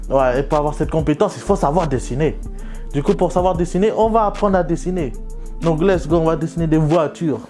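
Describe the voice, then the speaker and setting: Joking slangy young man, mellow voice. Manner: slangy, self-mocking, jumps to excited high bursts. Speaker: vlogger. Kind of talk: casual joking commentary while drawing.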